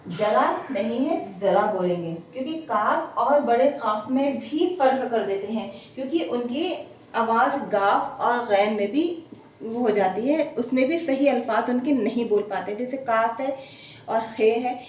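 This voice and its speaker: A woman teaching Urdu pronunciation, her voice mellow and a little high. She sounds set back from the mic in a very echoey room with faint hiss behind her. She contrasts right and wrong word forms and keeps checking in. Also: measured pace, far from the mic. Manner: corrects word pairs, repeats "theek hai". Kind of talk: pronunciation lesson.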